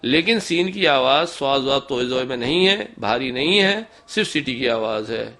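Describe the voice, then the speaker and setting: A man teaching Quran recitation in a methodical lesson, slowly sounding out letters to show the differences between them. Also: mid-range voice, animated, sharp tone. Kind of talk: instructional lesson.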